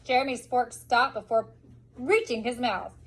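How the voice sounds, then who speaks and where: Woman, high voice, storybook read-aloud, expressive delivery, drawn-out emphasis. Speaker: storybook reader. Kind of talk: children's picture book read-aloud.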